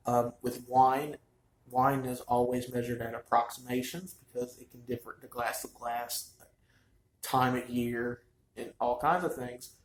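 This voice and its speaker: Chatty man in an echoey room. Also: mid-range voice. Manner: rambling, chatty, frequent fillers. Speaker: vlogger reviewing wine. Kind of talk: casual chat.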